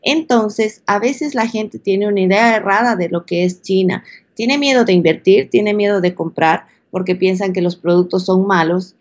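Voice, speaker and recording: Female lawyer from Ecuador, steady explainer, dull lo-fi audio. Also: medium pitch, moderate pace. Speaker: lawyer and business consultant. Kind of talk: interview answers.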